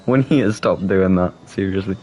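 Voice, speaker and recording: A man with a Geordie accent doing casual sim racing commentary, excitable and quick to restart his sentences. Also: low voice, a little hiss or hum. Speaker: race commentator.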